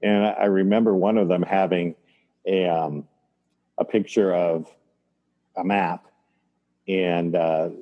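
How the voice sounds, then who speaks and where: Low husky guy on a video call, dull lo-fi audio, talks slow and thoughtful, dark mellow tone. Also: flat delivery. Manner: thoughtful, halting, looks back on the past. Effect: voice heard over a video call. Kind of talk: reflective conversation.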